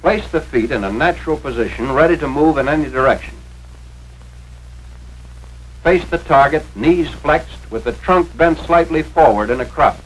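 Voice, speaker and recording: An American man with a fairly high voice narrates a scripted 1940s instructional film at a moderate pace. Authoritative and careful with his enunciation, he seems to teach step by step, and the noisy 1940s soundtrack has a radio-like sound.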